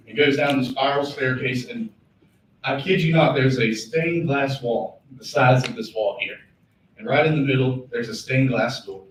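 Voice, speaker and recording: A young man telling a long shaggy-dog story to a meeting, with dramatic pauses and repeated lines. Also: mid-range voice. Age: young adult. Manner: storytelling with dramatic pauses, acted quotes, repetitions. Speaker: student senator telling a joke. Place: large echoey meeting room. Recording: echoey hall from far off, faint room noise.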